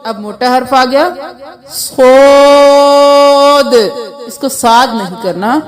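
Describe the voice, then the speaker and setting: High-pitched female teacher with a Pakistani Urdu accent, slow drawn-out letters, brisk explanations. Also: fairly bright tone. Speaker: Quran reading teacher. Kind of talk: letter-by-letter pronunciation lesson.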